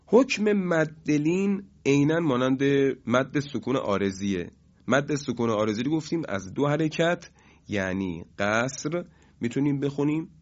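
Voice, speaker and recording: A man teaching Quran recitation rules, explaining slowly and chanting each example word with drawn-out vowels. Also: mid-range voice. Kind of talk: lesson on tajwid rules. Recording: dull lo-fi recording.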